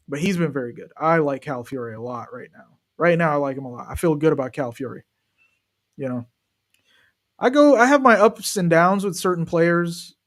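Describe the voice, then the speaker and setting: A man hosting a live football watch-along, chatting casually and talking straight to his viewers. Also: fairly high pitch. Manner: chatty, talks directly to viewers. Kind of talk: casual live match commentary.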